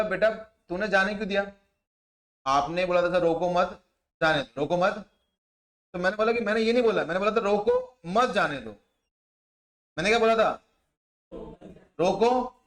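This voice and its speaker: A man teaching a tax class, firing the same questions at his students again and again. His voice sits a little high, and the classroom around him rings with echo. He often drops to a soft, low tone for asides. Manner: quizzes students with repeated questions. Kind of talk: classroom lecture. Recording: echoey room.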